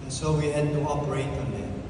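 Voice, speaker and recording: A man in his eighties, a plastic surgeon, giving a rambling speech at an event, with unhurried pauses and restarts. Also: on the high side, steady tone. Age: 80s. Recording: echoey hall, mic heard from a distance, audible noise.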